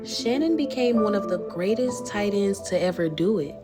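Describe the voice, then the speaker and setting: A woman narrating a life story in a playful, slangy, scripted style with dramatic pauses. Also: medium pitch, lively intonation. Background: faint music.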